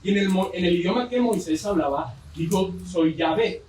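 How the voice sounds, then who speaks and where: A man's voice: high-pitched, normal speed, darkish tone, slight background noise. A man with a Mexican accent preaching a sermon, telling a story with joking asides. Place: church. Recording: roomy church hall from far off.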